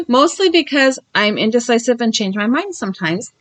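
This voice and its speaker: A woman's voice: a little high, a bit bright. A woman giving a casual, chatty craft tutorial voice-over, self-deprecating, her speech slightly slurred and careful from wearing braces.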